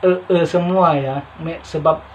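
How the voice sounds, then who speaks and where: A man's voice: a little high, steady tone, unhurried. A man from Madura with a Madurese Indonesian accent that carries Malaysian Malay words, talking casually to his vlog viewers and rambling through restarts and fillers. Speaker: vlogger. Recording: dull lo-fi sound with faint noise.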